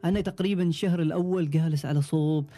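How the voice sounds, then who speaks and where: Fast-talking Omani man telling stories. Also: fairly high pitch. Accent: Omani Arabic. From Oman. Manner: relaxed storytelling, frequent trailing restarts. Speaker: podcast guest, ship engineer. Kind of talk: casual interview chat.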